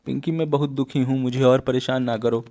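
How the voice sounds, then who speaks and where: A man's voice: medium pitch, steady tone, brisk, warm tone, lightly acted. A glum, chubby food-lover played by a man complains mopily in a comic read-along. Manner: mopey, complaining.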